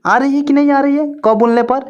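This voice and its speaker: A woman, teaching an online alphabet lesson in a patient, repetitive, drawn-out way. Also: high voice, steady tone, darkish tone, muffled recording. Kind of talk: slow step-by-step alphabet lesson.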